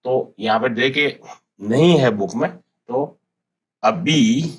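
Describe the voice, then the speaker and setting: Slow, patient male teacher. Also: medium pitch. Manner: slow, patient, repeating words and spelling them out. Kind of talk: classroom lesson explaining English in Hindi. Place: recorded lesson for an educational TV channel.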